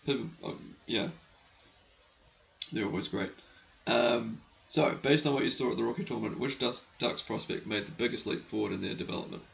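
A man is answering listener questions on his casual hockey podcast while losing his voice, so it comes out gravelly and croaky and he keeps clearing his throat. He rambles frankly and sometimes crudely at a moderate pace, with a medium-pitched, slightly bright voice. The recording is muffled.

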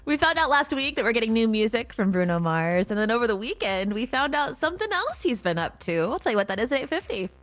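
A woman's voice: fairly high pitch, sing-song, fast talker, hardly any pauses, fairly bright tone. A woman co-hosting a radio show, teasing the entertainment news. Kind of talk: radio banter.

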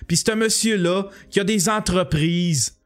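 A man's voice: sits high, unhurried. A man with a Québécois French accent hosting an online show, ranting with profanity and heavy sarcasm. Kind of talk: sarcastic live-stream commentary.

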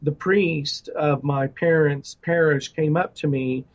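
A man's voice: on the high side, steady tone, slow pace. A middle-aged man giving his personal testimony in an interview, earnest, with many restarts and fillers. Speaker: guest ministry director. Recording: dull lo-fi sound.

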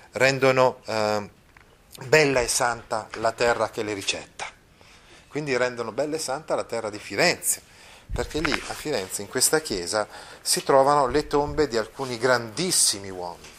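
A man teaching a literature class, reading poetry aloud and then explaining it in plain words, with frequent fillers and pauses. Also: mid-range voice, fairly bright tone. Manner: explanatory, reads verse aloud then paraphrases with many fillers.

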